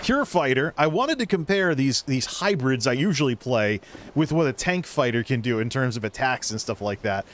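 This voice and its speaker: A man talks through a game in a casual, thinking-aloud way. His pitch is average for a man and he wanders from point to point, with a little background noise on the recording. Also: animated, normal speed. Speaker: gaming video creator. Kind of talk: casual gameplay commentary.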